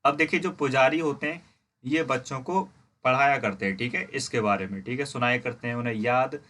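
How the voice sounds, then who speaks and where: A man teaching a history lesson in Hindi. He reads English lines slowly, explains them, and asks and answers his own questions. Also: medium pitch, pushed and bright, a little hiss or hum. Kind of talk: classroom lecture explaining a textbook.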